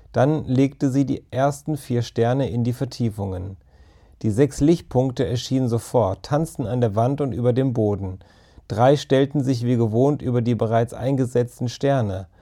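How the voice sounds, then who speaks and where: Reading a children's audiobook a little slowly, this male narrator keeps a calm, even delivery in a warm, mellow voice of medium pitch.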